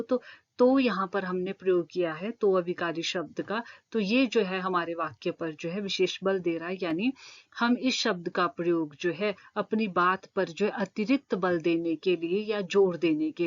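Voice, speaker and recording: A woman teaches grammar in a patient, step-by-step way, often repeating herself and leaning on fillers. Her voice sits somewhat low. The recording sounds slightly muffled and lo-fi. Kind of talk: explanatory online lesson.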